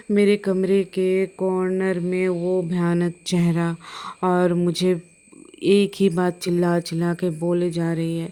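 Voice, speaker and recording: Flat, low-voiced woman telling her story. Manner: hesitant, with many fillers and restarts. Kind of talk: first-person account of a frightening experience.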